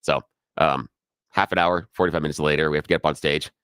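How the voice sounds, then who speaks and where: A middle-aged radio co-host tells stories in casual on-air chat, acting out the people he quotes with a big, projecting voice. His pitch is extremely low, his pace quick and his tone smooth, in a dry, clean studio recording.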